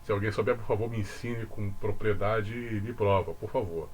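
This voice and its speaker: A man with a Brazilian accent explaining religious ideas in casual talk, deliberate, with asides to the viewer. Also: fairly low pitch, fairly even intonation, a little hiss or hum. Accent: Brazilian Portuguese. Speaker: religious commentator.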